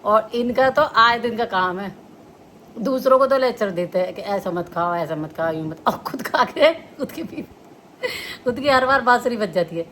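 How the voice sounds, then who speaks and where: A woman's voice: medium pitch, animated, normal speed, a bit bright, a little hiss or hum. A middle-aged woman, chatting casually to her viewers and laughing often as she talks. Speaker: vlogger.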